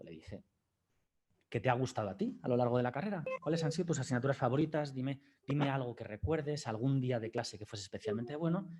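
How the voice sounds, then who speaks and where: A man gives a reflective university lecture, acting out his conversations with a student as he tells the story. His voice has a medium pitch, a slightly mellow quality, and a breathy edge.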